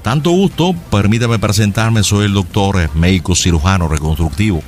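A man's voice: low-pitched, moderate pace, soft background music, close to an everyday voice. A man playing a polite, rambling Cuban surgeon with a Cuban accent in a prank phone call. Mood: smooth, courteous. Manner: formal, rambling, many hesitations. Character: smooth-talking male Cuban surgeon, middle-aged, overly polite. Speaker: prank caller.

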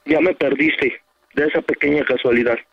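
A man with a Mexican accent, the victim of a radio show prank call, argues heatedly over the phone, curt, angry and foul-mouthed, swearing and threatening to leave. His voice is a little high and creaky, with a steady tone and moderate pace. There is no room sound.

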